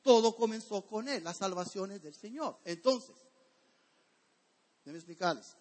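A man's voice: sits high, expressive, measured pace, darkish tone. A male pastor preaching a sermon in a church, direct and conversational, asking the congregation rhetorical questions.

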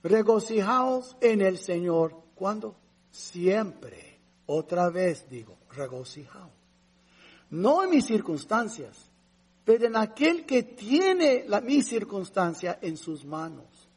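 A man preaching a sermon in a fairly high, husky voice. He talks to his congregation like family, calling them brothers, and keeps asking rhetorical questions. His delivery swings with emotion. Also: big pitch swings, takes it slowly, darkish tone. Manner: conversational preaching, addresses listeners as brothers. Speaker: pastor.

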